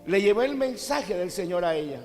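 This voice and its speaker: Male Colombian coastal preacher, high-pitched, storytelling sermon with shouted peaks; long hall reverb. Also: expressive, fairly quick. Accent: Colombian Caribbean coast. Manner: storytelling, acting out quotes, rising to shouts. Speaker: apostle preaching. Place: large church cathedral. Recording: long church reverb with faint music.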